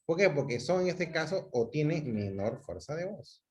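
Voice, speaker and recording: A man's voice: on the high side, very animated, moderate pace, a little mellow. A man from Peru teaching a class over a video call, patiently repeating examples and checking that students follow. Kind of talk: online class lecture.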